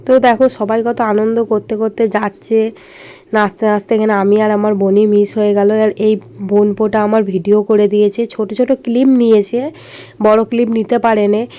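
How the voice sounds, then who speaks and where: A young woman from India talks to her viewers in a relaxed vlog voice-over. Her voice is hoarse and husky from a cold, dark and mellow in tone, and her pitch stays fairly flat as she explains things in a chatty way. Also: normal speed, a little hiss or hum. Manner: chatty, explaining family wedding customs to viewers. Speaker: vlogger.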